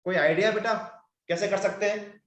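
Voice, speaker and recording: A man teaching an online class, guiding his students patiently and calling them "beta". His voice sits high and rings in an echoey room. He spells out letters one at a time as he explains. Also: steady tone, normal speed, fairly bright tone.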